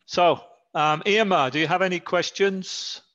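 Man, English teacher, native English speaker, fairly high voice, very slow careful delivery, slightly muffled sound. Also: a bit bright. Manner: slow, careful, repeats examples for the student. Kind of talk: bilingual English lesson.

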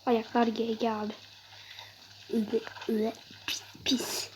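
High-voiced woman muttering through a game. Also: completely flat delivery, a little slow, background noise. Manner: rambling, swearing, nervous muttering. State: stuffy nose, sick. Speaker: gamer. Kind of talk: let's-play commentary.

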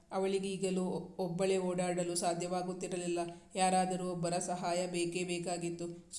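A man narrating a romance novel chapter in slow, even storytelling with small restarts. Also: sits high, roomy sound.

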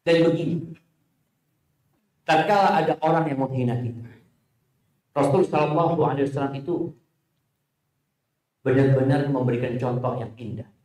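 A man preaching a sermon and answering questions, leaping into a high voice for emphasis. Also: normal speed, long pauses. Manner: animated, jumps to high pitch for emphasis. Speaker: Islamic preacher. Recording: echoey hall.

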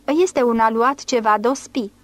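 A woman reading the part of a worldly gentleman who speaks in a measured, dismissive way. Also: on the high side, lightly acted.

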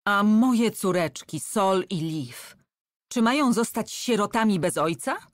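A woman voicing a defiant young countess, high and agitated. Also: animated, unhurried, dry recording, studio quality, close to an everyday voice. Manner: agitated, raised and pleading.

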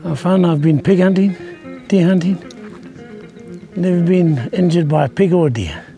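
A man's voice: sits high, moderate pace, warm tone, soft background music. A middle-aged New Zealand man with a Kiwi accent, chatting casually outdoors as host of a hunting show. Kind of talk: casual chat. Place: outdoors in open country and by a river.

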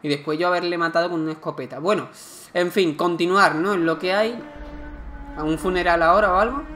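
Guy commenting on a game, chatty and jokey, game music loud behind him. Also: high-pitched, fairly even intonation, fairly quick. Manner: chatty, joking, exclaims at the game. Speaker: gameplay commentator. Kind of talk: casual let's-play commentary.

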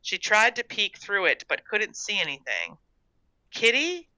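A woman reading her own short story aloud in an expressive storybook narration, on a dull, dry recording. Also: medium pitch, normal speed, dry recording.

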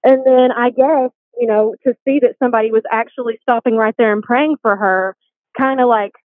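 As a guest on a call, this boutique worker chats through her faith story, filling it with "like." Her high-leaning voice holds a steady tone at a moderate pace, coming through a tinny phone line that's dry, with no room sound.

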